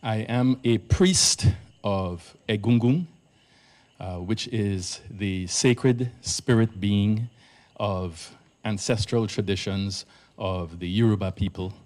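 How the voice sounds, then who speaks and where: A man's voice: lowish voice, slow, a little mellow. A man from Trinidad, a priest giving an earnest public lecture at a live event in an arts centre, stressing his key words.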